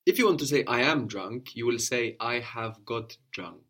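Male tutor, mid pitch, patient drilling style, repeats and corrects. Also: expressive, moderate pace, a bit bright, breathy edge. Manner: patient, prompting questions and repeating answers. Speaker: language teacher. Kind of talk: one-on-one language lesson.

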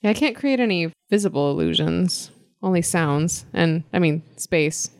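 A woman's voice: on the low side, expressive, moderate pace, a little mellow, no echo, studio quality. A woman chatting casually as a player on a tabletop role-playing podcast. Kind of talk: casual tabletop game chat.

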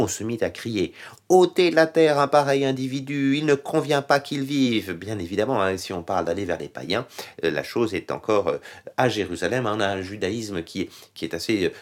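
A man giving a Bible study lesson, talking loosely with many pauses, fillers and restarts. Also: sits low. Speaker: Bible teacher.

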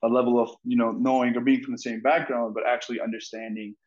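A man's voice: medium pitch, level tone, quick pace, darkish tone, dull audio. A man, a medical student, answering an interview question earnestly.

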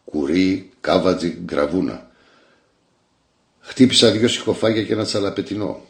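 A man voicing a huge, bedridden old grandfather who rambles slowly about his hunting feats. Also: low voice, echoey room. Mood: boastful.

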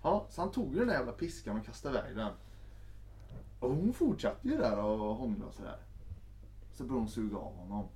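A man's voice: medium pitch, long pauses, slight background noise. A man telling a story in a casual chat and acting out the people in it. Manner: animated, acts out every character.

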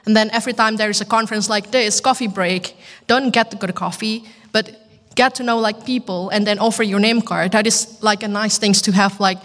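A woman's voice: mid-range voice, fairly even intonation, fairly quick, a bit bright. A chatty woman gives advice on a panel, dropping "like" into her sentences. Her voice trails into a long hall reverb. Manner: chatty, with many "like" fillers. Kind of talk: panel answer.

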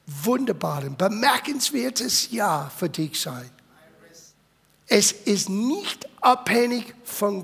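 High-voiced preaching man, English-accented German. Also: gravelly, husky. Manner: emphatic, swings between loud urging and quiet low asides. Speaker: pastor. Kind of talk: sermon. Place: church hall. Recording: long reverb of a church hall.

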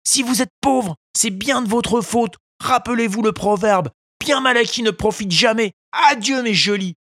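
A reader voicing a young wooden puppet boy, high and earnest, in a storybook reading. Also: unhurried, dry recording, clean studio sound. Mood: scornful, taunting. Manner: high, excited, earnest pleading. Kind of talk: storybook narration.

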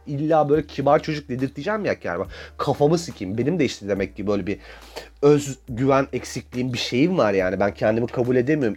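A man's voice: medium pitch, darkish tone. Ranting, profane man in his thirties. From Turkey. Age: 30s. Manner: ranting, profane, self-mocking; breaks into laughter often. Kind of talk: casual monologue.

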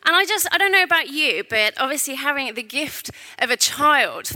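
A woman in a church hall gives a sermon on the PA, and a big hall echo trails every phrase. Her pitch sits a little on the high side. She projects her voice to fill the room. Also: animated, moderate pace. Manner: projects her voice, warm storytelling. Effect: big hall echo on her mic. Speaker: preacher. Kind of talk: sermon with a handheld prop. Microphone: wearing a mic on the PA. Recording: echoey hall reverb.

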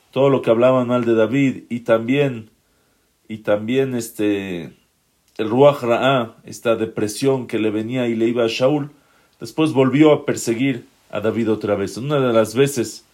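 A man's voice: medium pitch, darkish tone. A man teaching a Torah class, retelling a Bible story and explaining a psalm, with rising emphatic bursts.

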